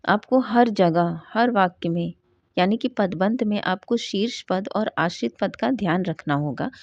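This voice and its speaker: A woman teaching a grammar lesson, asking questions and answering them herself and slowing down to read out example sentences. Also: medium pitch, darkish tone, no echo. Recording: dull dry lo-fi sound.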